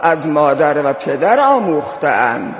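A man's voice: on the high side, big pitch swings, noisy background. A male cleric preaching emphatically at a ceremony, in a hall with long reverb. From South Khorasan, Iran. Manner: emphatic, rising to fervent preaching. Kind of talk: religious talk at a ceremony.

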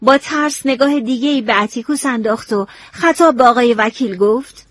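A woman narrating a novel in a storytelling, expressive way. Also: a little high, dry recording.

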